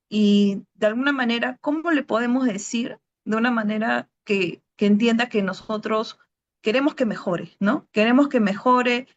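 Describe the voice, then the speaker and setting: A woman interviewer who asks long, winding questions and tags her sentences with '¿no?'. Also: a little high. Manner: rambling, winding questions tagged with '¿no?'. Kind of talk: asking a long question in a conversation. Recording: slightly dull, lo-fi audio.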